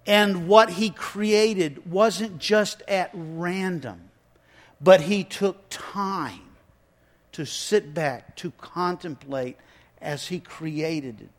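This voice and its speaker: A man preaching a sermon in a slow, emphatic way, dropping his voice low for effect, with chatty asides and restarts. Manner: slow, emphatic delivery with dramatic drops in volume; conversational asides and repeated restarts. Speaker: pastor.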